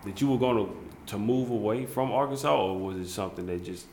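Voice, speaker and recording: A man's voice: fairly low pitch, brisk, darkish tone, a little hiss or hum. Rambling man hosting, echoey room. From South Carolina. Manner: rambling, many fillers and restarts. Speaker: interview host. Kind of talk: casual interview.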